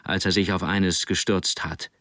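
A man's voice: deep voice, level tone, unhurried, fairly bright tone, no room sound, studio quality. A man voicing a stern, proud mother in an audiobook, with a raised, firm and clipped voice. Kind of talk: audiobook character reading.

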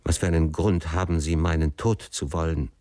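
A man's voice: a bass voice, fairly even intonation, normal speed, warm tone, dry recording, clean studio sound. A man reading a frightened old priest. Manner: pleading, fearful.

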